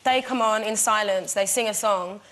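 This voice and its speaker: A woman, a singer chatting as a guest on a talk show, bubbly and quick to laugh, with a cold. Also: mid-range voice, a bit bright. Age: 20s. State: has a cold. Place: TV studio with audience.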